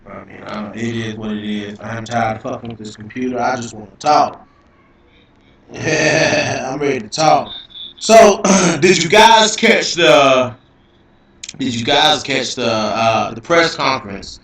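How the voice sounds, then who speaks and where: A man's voice: mid-range voice, a bit bright. A man talking casually on a live stream, his voice coming through with a clangy robotic glitch from his computer, loose and profane and repeating himself a lot. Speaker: livestream host. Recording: robotic, echoey, distant computer mic.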